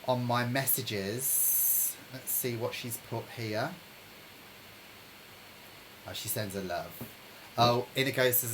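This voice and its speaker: A man hosting a live-streamed pub quiz from home, chatting with viewers and reading each question slowly, then repeating it. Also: medium pitch, a bit bright, a little hiss or hum, rough recording. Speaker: quiz host. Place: home during lockdown.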